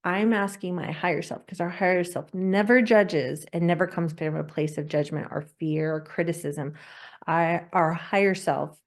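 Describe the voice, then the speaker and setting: Woman podcast host, lowish voice, gentle guided breathing talk, laughs often. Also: steady tone, normal speed.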